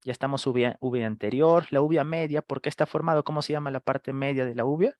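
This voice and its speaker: A man teaching a live online medical class, firing quick questions at students and acting out screaming patients. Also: medium pitch, a little mellow, dry recording. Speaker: medical lecturer.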